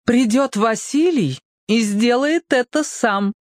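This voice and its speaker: A storyteller voicing a frightened, strict mother who scolds her son in a shrill, panicked voice. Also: takes it slowly, no echo, clean studio sound, lightly acted. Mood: stern.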